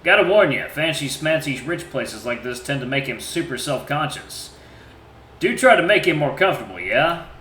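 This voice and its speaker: Casting: man as chatty, mischievous young pal, slangy and brash, bright animated delivery. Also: on the high side, normal speed, echoey room, slight background noise. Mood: casual, advising. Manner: casual, slangy. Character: brash, chatty, mischievous young male friend chaperoning a date.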